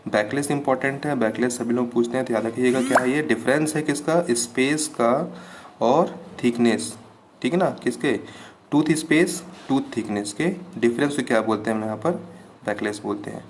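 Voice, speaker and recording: A man teaching an engineering class, explaining each term slowly and checking over and over that students follow. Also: medium pitch, slight background noise. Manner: patient, repeats terms with "ठीक है, clear है" checks. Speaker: engineering lecturer. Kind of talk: classroom lecture.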